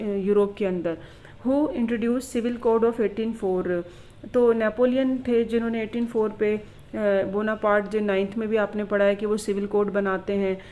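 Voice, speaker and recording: A woman teacher at a middle pitch talks students through exam questions. She reads each English question slowly and deliberately, then explains it in a relaxed, conversational Hindi-English mix. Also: low-quality recording. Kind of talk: exam revision lesson.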